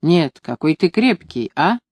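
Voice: mid-range voice, sing-song, a little mellow, no room sound. A reader voicing a bold, commanding young mother. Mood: brisk commanding. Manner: commanding, brisk.

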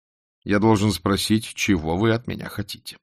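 A man voicing a proud young aristocratic officer who speaks slowly and measuredly, holding back anger. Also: on the low side, steady tone, no room sound, clean studio sound, close to an everyday voice. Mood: restrained anger.

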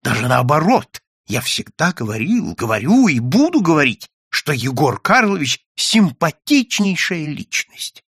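Narrator doing a low solemn pompous office guy, husky, dry sound. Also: very animated, moderate pace, hardly any pauses, a bit bright, no echo, heavily acted. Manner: solemn, heartfelt, lowered voice. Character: pompous, sly male office worker.

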